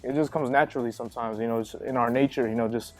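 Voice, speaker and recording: A man's voice: medium pitch, steady tone, fast, darkish tone, faint music behind. A young man giving a casual youth sermon, rambling and packing his talk with filler words. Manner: rambling, heavy with "you know" fillers. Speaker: youth minister.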